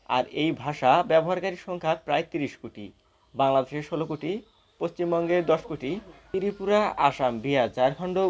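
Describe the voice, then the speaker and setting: A man giving a formal debate speech in a lecturing, point-by-point manner. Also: a little high. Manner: formal, lecturing, counts off figures.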